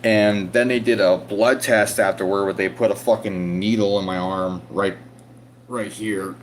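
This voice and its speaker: A young man telling a long, profane story in casual vlog style, with lots of restarts, and loudly acting out his own screams. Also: on the low side, steady tone, unhurried, slight background noise. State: recovering from illness. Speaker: vlogger.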